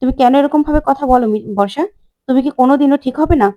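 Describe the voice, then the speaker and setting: A woman's voice: sits high, quick pace, narrow, tinny audio, lightly acted. A woman voicing a motherly woman in a retold family serial, questioning and reproachful. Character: motherly woman, sharp-tongued when crossed.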